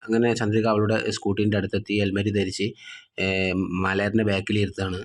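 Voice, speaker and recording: A man's voice: on the low side, little pitch movement, brisk. A man casually retelling a TV serial episode, relating each character's lines in his own plain storytelling voice. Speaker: narrator recapping a TV serial episode. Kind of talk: casual spoken plot recap.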